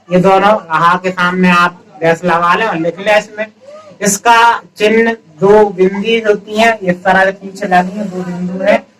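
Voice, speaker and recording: A man with a high-pitched voice teaches a grammar class, setting out each point patiently. He often puts a question to his students and then gives the answer himself. He sounds set back from the microphone. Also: fairly bright tone, distant mic, a little hiss or hum, low-quality recording. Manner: explains step by step, asks the students questions and answers them himself. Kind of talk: classroom-style lesson.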